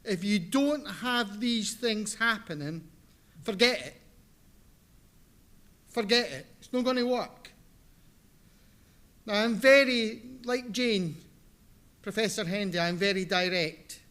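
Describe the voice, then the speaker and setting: A man in his fifties with a broad Scottish accent, presenting at a conference in deliberate, emphatic short phrases into a podium microphone. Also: high-pitched, fairly bright tone. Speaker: academic speaker. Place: indoor seminar room at a lectern.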